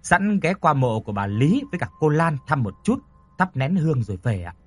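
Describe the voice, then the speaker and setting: A man's voice: a little high, sing-song, a little fast, breathy edge, soft background music. A man voicing a friendly, polite young man who reassures others and calls out boldly.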